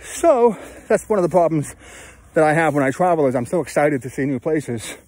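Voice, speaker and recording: A man in his thirties walking outdoors, talking to a phone held at arm's length in a halting, self-deprecating way, sweaty from hiking. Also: a little high, animated, darkish tone, slightly rough, no room sound. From California, USA. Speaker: travel vlogger. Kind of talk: rambling walk-and-talk vlog. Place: outdoors on open hills.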